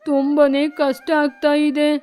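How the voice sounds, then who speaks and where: Brief: nervous schoolboy crow for a storybook cartoon, voiced by a woman; high, slow, sighing. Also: monotone, darkish tone, soft background music. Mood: grumbling. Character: worried young boy crow schoolchild.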